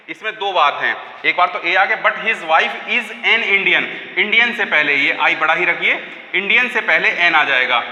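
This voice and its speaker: Bright-voiced teacher in an echoey room. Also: male voice, high voice. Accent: Hindi. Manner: explains slowly, repeating phrases aloud to students. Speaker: school teacher. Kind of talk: classroom grammar lesson. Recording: echoey room, long reverb.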